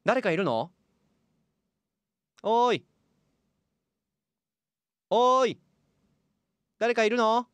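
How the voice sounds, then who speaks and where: A friendly, lonely little boy in hospital, acted by a man for a tabletop game. The voice lifts high and lively, with childlike simple phrasing. It is recorded close and dry. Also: moderate pace, dry recording, close to an everyday voice. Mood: calling out. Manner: calling out and chatting in simple childlike words. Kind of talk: tabletop role-play. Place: small padded studio room. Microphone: close studio microphone on boom arm.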